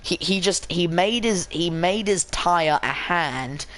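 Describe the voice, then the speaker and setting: A man's voice: sits high, expressive, slow, fairly bright tone. Rambling man calling a race. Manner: rambling, self-mocking, lots of fillers and restarts. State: tired late at night. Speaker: race commentator. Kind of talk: live sim racing commentary.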